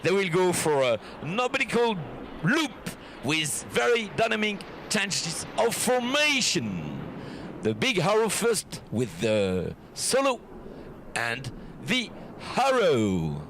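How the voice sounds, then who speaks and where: A man's voice: high-pitched, wildly swooping pitch, slow pace, a bit bright, slight background noise. A man with a French accent giving live airshow commentary, explaining each formation in an admiring, showy way.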